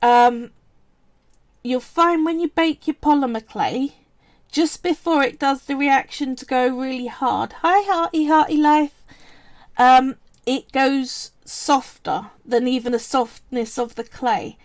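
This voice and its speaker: Speaking in a high voice with no room sound, a woman casually walks viewers through a polymer clay sculpting project on her live stream. She stays chatty and explanatory, pausing often on "right" and "so."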